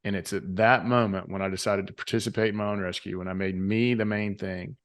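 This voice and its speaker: A man's voice: fairly low pitch, steady tone, a little fast. A man with a Southern US accent and drawl, talking earnestly and emphatically as a motivational interview guest, repeating phrases for effect. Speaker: guest, author and retreat leader.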